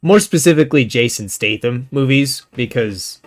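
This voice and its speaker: Laid-back young man with a lively voice. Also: mid-range voice, normal speed, no echo. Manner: laid-back, swears, laughs often, says bro. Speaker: podcast co-host. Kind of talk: casual chat. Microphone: headset.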